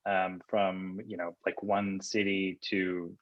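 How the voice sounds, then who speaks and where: A man's voice: low voice, flat delivery, takes it slowly. A man from the United States introducing himself on a panel in a friendly, easygoing way. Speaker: panelist, operations executive. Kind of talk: casual panel talk. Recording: dull lo-fi video call audio.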